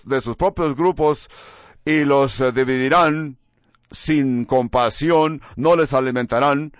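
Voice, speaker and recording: A man's voice: mid-range voice, no echo, highs cut off. A man preaching a sermon, reading verses and mimicking what people say in mocking voices. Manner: slow, emphatic preaching with mocking voiced quotes.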